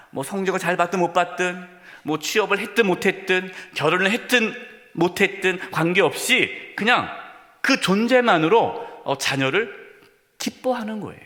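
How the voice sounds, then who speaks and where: A male pastor preaches with a bright, forceful voice, his pitch riding well above most men's. His delivery is lively, rising high for emphasis and dropping to soft, gentle asides. The sound carries a long reverb from a church sanctuary. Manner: earnest preaching that swings between raised emphasis and hushed, tender asides. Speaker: senior pastor. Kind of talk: sermon.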